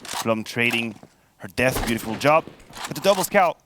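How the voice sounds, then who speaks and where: A man with a French accent commentating an esports match, excitable and playful in banter. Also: medium pitch, moderate pace, noisy background. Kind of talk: play-by-play commentary.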